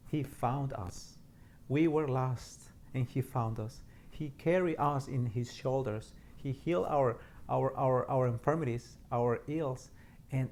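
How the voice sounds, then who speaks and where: A man's voice: mid-range voice, a little mellow. A man gives a short homily in a mid-range voice. He speaks earnestly as a priest and often repeats words while he looks for the next one. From Mexico.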